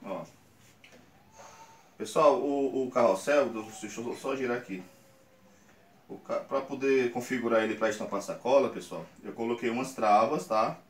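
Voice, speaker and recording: A man's voice: mid-range voice, normal speed, pauses often. Brazilian man, 30s, workshop tutorial host; patient and coaxing, recorded at a distance in a bare, echoing room with faint hiss. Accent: Brazilian Portuguese. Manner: patient, coaxing, explains step by step with frequent "tá?". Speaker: screen printing channel host. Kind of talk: casual how-to demonstration. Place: small indoor print workshop. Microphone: camera on a tripod a few meters away. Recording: roomy, distant camera mic with faint noise.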